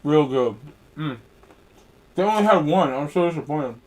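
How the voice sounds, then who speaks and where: A man chatting casually on a live stream, rambling and relaxed while he snacks and races. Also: on the high side, moderate pace, slight background noise, poor audio. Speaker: sim racing streamer. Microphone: headset.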